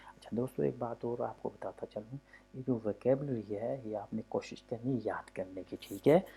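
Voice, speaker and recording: Male language teacher, gravelly and mellow, patient and repetitive. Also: medium pitch. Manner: patient, repetitive, often says "okay" between points; drawn-out demonstrations of vowel sounds. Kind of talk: explaining a textbook lesson.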